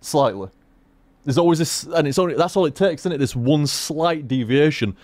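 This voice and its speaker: A man rambling through casual gameplay commentary, swearing freely and talking in an animated way. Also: fairly high pitch, moderate pace, dry recording. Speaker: gaming commentator.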